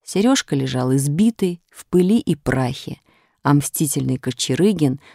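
A woman's voice: low voice, animated, normal speed, creaky, mellow, no echo, studio quality. A woman narrating a story, reading it aloud with expression.

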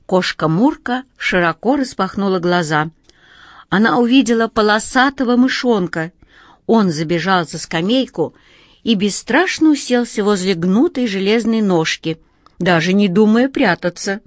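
Woman reading a children's story, expressive. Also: medium pitch, moderate pace, no room sound, studio quality. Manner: lively, expressive narration.

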